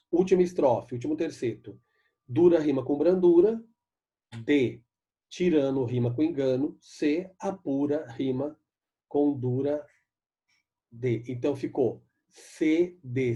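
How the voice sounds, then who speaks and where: Male teacher with a Brazilian Portuguese accent, mellow and breathy, reads verses slowly and explains them. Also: medium pitch, lo-fi sound. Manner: explains and asks students questions, reads poems slowly. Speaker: literature teacher. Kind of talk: recorded online class lesson.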